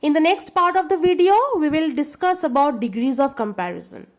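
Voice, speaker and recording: A woman's voice: sits high, expressive, fairly quick. A woman teaching a grammar lesson to schoolchildren, explaining patiently and checking that they understand.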